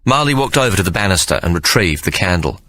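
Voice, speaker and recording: A man narrating an audiobook in a measured storytelling manner. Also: low voice, expressive, sharp tone, no echo. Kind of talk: scripted narration.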